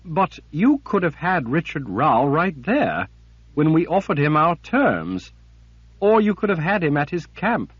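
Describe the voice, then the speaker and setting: A man's voice: on the high side, sing-song, a little slow, slightly rough, dry recording, pitched above the performer's own voice, exaggerated voice. A man voicing a frightened woman sorceress who pleads in a strained way. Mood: pleading. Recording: dull lo-fi recording.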